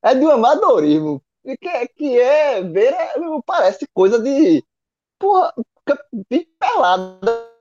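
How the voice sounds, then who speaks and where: A man talks emphatically on a casual panel show, swearing as he goes. His voice is lively in pitch. His mic sounds a bit dull and dry. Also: takes it slowly, dry recording. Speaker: co-host.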